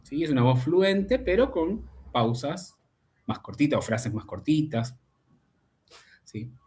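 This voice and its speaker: A man's voice: a little high, very animated, takes it slowly, darkish tone. A man teaching a speech therapy class over a video call, explaining at length and often checking in with his students.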